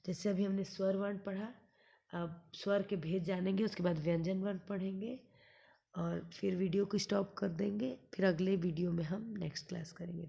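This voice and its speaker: Woman teacher for a class lesson: husky, gravelly delivery, patient and explanatory, poses questions to students then answers them herself. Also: mid-range voice, mellow, dull audio. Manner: draws out sounds slowly when demonstrating.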